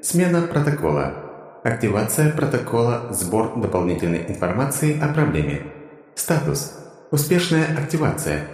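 A man's voice: medium pitch, voice pushed up. A man voicing a malfunctioning station computer as a glitching robot that reads out status and error reports, with an echoing robotic effect. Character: malfunctioning station computer, male, flat and mechanical. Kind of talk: audiobook sound-effect insert. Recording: heavy echo, long hall reverb.

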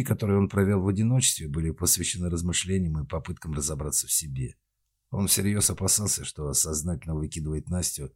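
A man narrating an audiobook in a steady, measured reading. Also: low-pitched, breathy edge.

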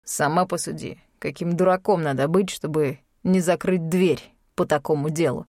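A woman's voice: low-pitched, fairly even intonation, normal speed, a little mellow, dry recording, studio quality. A woman reading an audiobook, voicing a brusque, irritable young man who snaps and then pleads. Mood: defensive. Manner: gruff, snapping, then pleading. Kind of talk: audiobook character voice.

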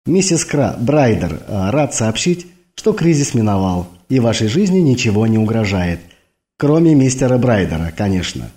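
A man's voice: on the low side, big pitch swings, normal speed, dark tone. A man reading an audiobook, voicing a prim, exasperated hospital doctor who speaks formally and stiffly.

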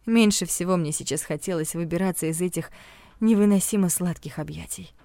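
A young woman narrating a first-person novel in a lively, wry storytelling manner, close to the mic. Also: lowish voice, fairly quick, no echo. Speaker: audiobook narrator.

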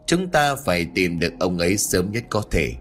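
Calm older monk master voiced by a male narrator, measured and instructive, low lively voice, faint hiss. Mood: steady.

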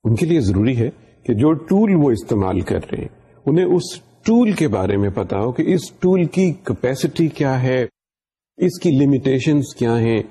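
A man's voice: mid-range voice, dark tone, slightly rough. A middle-aged man from Pakistan giving a university lecture, explaining patiently and slipping English phrases into his talk. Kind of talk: recorded lecture.

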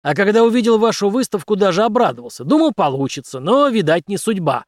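A man voicing a gruff, hardened soldier captain who talks in curt, grim lines. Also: high-pitched, big pitch swings, fast talker, no echo, studio quality, voice pushed up. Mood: weary.

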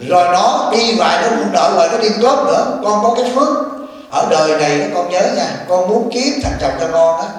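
High-voiced monk in an echoey hall. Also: male voice, far from the mic. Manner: teasing, animated, addresses listener as child. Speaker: abbot giving Buddhist counsel. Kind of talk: informal Dharma talk, counseling a woman.

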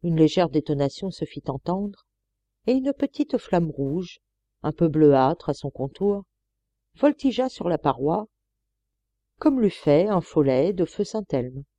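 Mellow-voiced woman reading an audiobook. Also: on the low side, dry recording, lo-fi sound. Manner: steady, measured storytelling. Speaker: audiobook reader. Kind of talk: scripted audiobook narration.

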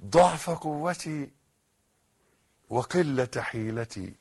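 An Egyptian man preaching with a husky, slightly high voice. He talks slowly and swings widely between hushed, pleading murmurs and loud, shouted exhortation. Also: lively intonation. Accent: Egyptian Arabic. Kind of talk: sermon.

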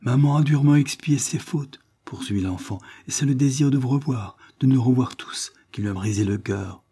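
A man reading aloud, voicing a feverish, dying little boy in a raised, soft, pleading voice. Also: medium pitch, normal speed, husky, voice pushed up, natural voice.

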